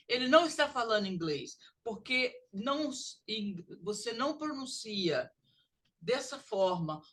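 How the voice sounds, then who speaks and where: A woman's voice: fairly high pitch, bright, forceful tone. A woman with a Brazilian Portuguese accent teaching a pronunciation lesson, drawing out model sounds. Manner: drawn-out, exaggerated model sounds. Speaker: literacy teacher.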